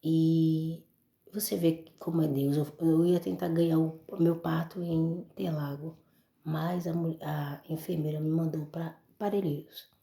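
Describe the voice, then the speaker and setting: Gravelly low-voiced Brazilian woman testifying. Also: steady tone, a little slow, warm tone, echoey room. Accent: Brazilian Portuguese. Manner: emotional, addresses listeners as brothers and folks. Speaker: testimony speaker. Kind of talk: emotional church testimony.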